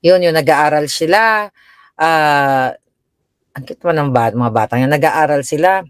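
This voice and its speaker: A middle-aged woman from the Philippines chatting casually on a live stream, telling stories about her grown children and answering viewers, her voice jumping higher when she quotes herself. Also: a little slow, clear, resonant tone, no echo, clean studio sound. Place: home in the United States.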